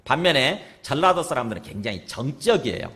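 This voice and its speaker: A man's voice: mid-range voice, sing-song, a little fast, sharp tone. A male pastor preaching a sermon in a conversational way, often asking the congregation rhetorical questions. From South Korea.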